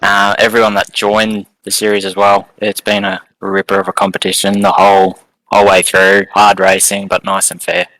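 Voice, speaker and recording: A man, a race driver giving relaxed thank-yous after winning. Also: lowish voice, moderate pace, no room sound, low-quality recording. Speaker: race driver, championship winner. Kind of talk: casual post-race interview.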